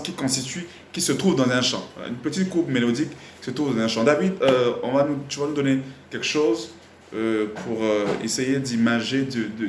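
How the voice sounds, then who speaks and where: A man teaching a live singing lesson, explaining slowly and repeating himself with many fillers, breaking into short sung examples. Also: mid-range voice, roomy sound. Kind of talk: live online music lesson.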